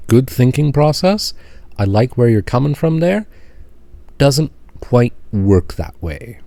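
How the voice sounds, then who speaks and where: A man narrating as game master of a tabletop game, deadpan and slowing down to stress odd details. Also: medium pitch, gravelly, no room sound.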